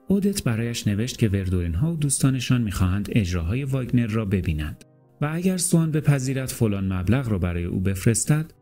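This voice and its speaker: A man narrates a literary audiobook in a calm, measured, deliberate reading. His voice is mellow and dark, sitting at an ordinary middle pitch. Faint music plays softly underneath.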